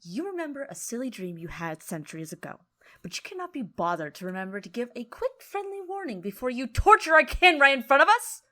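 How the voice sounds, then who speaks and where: A woman's voice: mid-range voice, brisk, lightly acted. A woman voicing a haughty, scornful female tree spirit. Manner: haughty, sharp.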